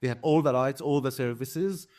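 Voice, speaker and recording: A man's voice: mid-range voice, moderate pace, darkish tone. A man in his forties with a Palestinian Arabic accent, whose first language is Arabic, giving earnest interview testimony as an activist, emphatic and listing his points one by one, often repeating words. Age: 40s.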